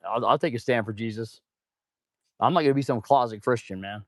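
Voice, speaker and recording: With a mid-range voice and brisk delivery, an auto shop mechanic livestreams while working, rambling informally to "guys" and "man." Heavy mouth breathing from his stuffy nose is clearly heard. The audio is studio quality with no room sound.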